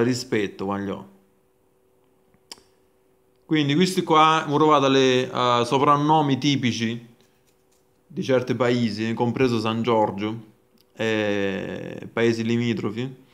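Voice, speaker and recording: A man with a southern Italian accent from Puglia, hosting casually and commenting on dialect words in an irreverent, amused, sweary way. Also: mid-range voice. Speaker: host of an online show.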